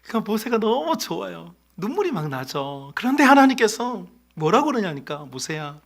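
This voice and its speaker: A middle-aged man preaching a sermon as pastor, telling a story with lively acted-out voices. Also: high-pitched, fairly quick, vocal fry. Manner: animated storytelling, acts out voices. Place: church sanctuary.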